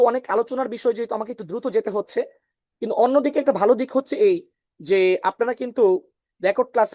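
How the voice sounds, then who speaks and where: A woman's voice: a little high, darkish tone, no echo, clean studio sound. A woman teaching an online class on Quran recitation, explaining patiently, repeating her points and asking the students questions.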